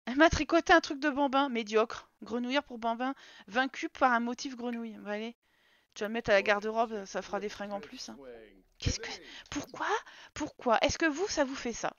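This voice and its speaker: A woman streamer giving casual let's-play commentary, chatty and quick to scold her game characters. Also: fairly high pitch, dull audio.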